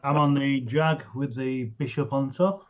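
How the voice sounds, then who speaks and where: A man's voice: fairly even intonation, a little slow. A man in casual live-stream chat, blunt and swearing, his voice coming through tinny and trebly like it is inside a tin can. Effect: tinny, trebly sound with no bass, like from inside a tin can. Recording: dull, lo-fi tinny call audio.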